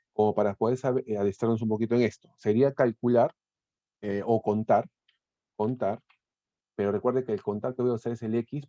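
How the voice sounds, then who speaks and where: A man's voice: lowish voice, dark tone, no room sound. Man giving a dull lo-fi screen tutorial. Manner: explanatory, repeats and restarts words, checks in with "¿sí?". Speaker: instructor. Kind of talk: screen-recorded software tutorial.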